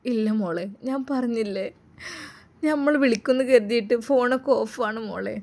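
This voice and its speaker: A woman voicing a young woman lawyer who speaks low and quiet through tears. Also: brisk, creaky. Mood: tearful. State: crying.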